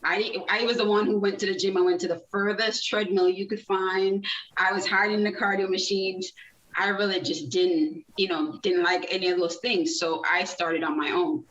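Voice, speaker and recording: A woman's voice: medium pitch, steady tone, moderate pace, a bit bright, muffled recording. Jamaica-born woman, distant roomy sound. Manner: chatty, many fillers and restarts, laughs easily. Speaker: guest, nonprofit founder. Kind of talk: casual interview storytelling.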